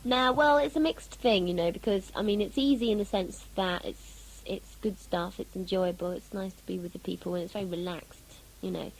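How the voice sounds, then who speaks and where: In a casual behind-the-scenes interview, an actress talks about her work with a jokey, self-mocking manner. Her mid-range voice moves at normal speed with few pauses, though the audio quality is poor.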